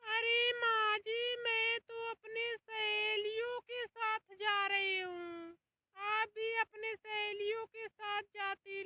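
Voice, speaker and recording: A woman's voice: very high-pitched, highs cut off. Woman playing a whiny young daughter-in-law. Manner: whiny pleading. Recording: loud background noise.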